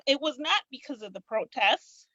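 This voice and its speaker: A woman's voice: high-pitched, animated, moderate pace, bright, forceful tone, no room sound, highs cut off. A middle-aged woman telling a story conversationally on a panel, emphatic, repeating phrases and acting out what people said. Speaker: small business owner, guest.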